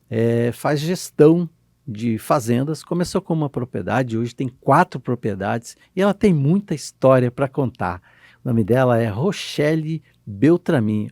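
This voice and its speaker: A man's voice: medium pitch, dry recording, studio quality. A man hosting a podcast interview, giving an upbeat introduction and then short, friendly questions and replies. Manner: warm introductions, brief affirmations. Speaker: podcast host, journalist.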